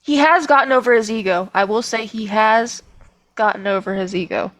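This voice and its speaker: A woman's voice: a little high, moderate pace, fairly bright tone, low-quality recording. A woman co-hosting a casual podcast chat, telling stories with emphatic, opinionated views. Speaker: podcast co-host.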